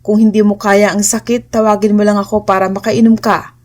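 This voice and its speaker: A woman voicing a calm, guarded young male kidnapper who speaks tersely and unhurriedly. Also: mid-range voice, fairly quick, lightly acted. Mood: cool.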